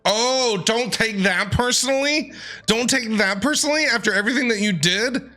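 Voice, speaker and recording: With game music in the background, an American guy riffs playfully on a game and answers back to the characters. He speaks at a moderate pace in a very high, sharp-toned voice.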